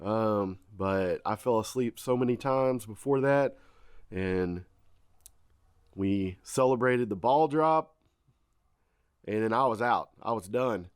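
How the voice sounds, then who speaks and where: A congested farm vlogger with a lowish, clear, resonant voice chats casually to camera in a homestead vlog, speaking slowly with frequent pauses. He's folksy and chatty, calling viewers "y'all," and the sound is dry and clean, studio-like.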